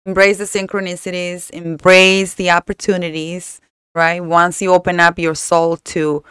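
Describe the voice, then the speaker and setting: A woman's voice: on the low side, little pitch movement, moderate pace, fairly bright tone, clean tone, no echo, clean studio sound. A woman co-hosting a casual book club podcast, speaking earnestly and encouragingly, often checking in with "right?". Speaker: podcast co-host.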